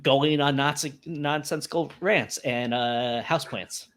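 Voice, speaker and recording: A man hosting a casual gaming podcast, joking and talking in a lively, animated way. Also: mid-range voice, a little slow. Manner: animated, jokey, puts on silly voices. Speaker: podcast host.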